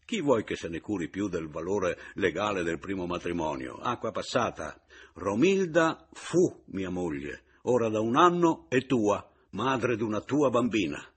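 A man voicing a jovial, mocking man who teases and booms loudly in a radio reading of a novel. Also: sing-song, measured pace, slightly rough, heavily acted. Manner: teasing, booming and boisterous.

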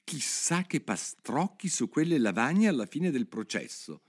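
A man voicing a curious, easily indignant little girl in a storybook reading, in a hushed voice. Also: medium pitch, very animated, a little slow, slightly rough, voice pushed up. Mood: musing.

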